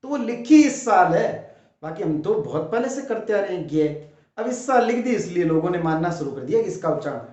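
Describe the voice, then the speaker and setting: Emphatic teacher in a very echoey classroom. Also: male voice, high voice, big pitch swings, brisk, darkish tone. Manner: emphatic, explains step by step with rhetorical questions. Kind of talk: whiteboard lesson for exam students. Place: classroom with a whiteboard. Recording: very echoey room, dull lo-fi sound.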